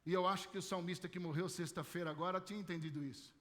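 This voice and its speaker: A man's voice: high voice, fairly even intonation, racing, a bit bright. A Brazilian man preaching a sermon on a microphone, passionately acting out the voices in the stories he tells. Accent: Brazilian Portuguese. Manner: impassioned, acts out biblical voices. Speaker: pastor. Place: large church hall. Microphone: handheld microphone. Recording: long church hall reverb.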